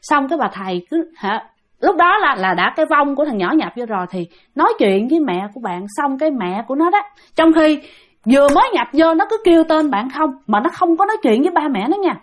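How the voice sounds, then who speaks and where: Woman host, Southern Vietnamese accent, high voice; chatty ghost-story teller who talks straight to her listeners. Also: very animated, fast talker. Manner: chatty, keeps addressing listeners directly. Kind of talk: casual ghost-story telling.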